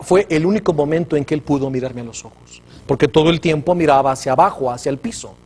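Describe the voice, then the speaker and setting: A man with a Mexican Spanish accent, a preacher hosting a religious TV show, telling a testimony with fervor and swinging between loud and hushed. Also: fairly high pitch, fast. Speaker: preacher and TV host.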